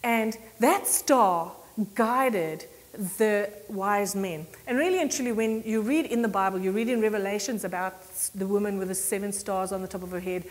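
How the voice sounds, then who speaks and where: A woman's voice: medium pitch, moderate pace. Chatty woman pastor in an echoing hall. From South Africa. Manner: chatty, laughs often, animated quoting. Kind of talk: conversational sermon with storytelling. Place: church sanctuary.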